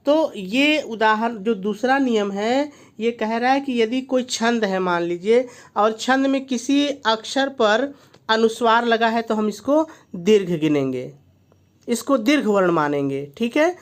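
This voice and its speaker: A male teacher giving a video lesson, who asks himself why and then answers, repeating each key point. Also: extremely high pitch. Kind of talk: classroom-style video lesson.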